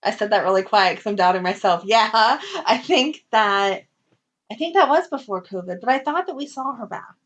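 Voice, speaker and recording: A woman co-hosting a fan podcast in casual chat. She is opinionated and briskly acts out characters' lines in quick asides. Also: fairly high pitch, lively intonation, fairly bright tone, dull audio. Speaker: podcast co-host.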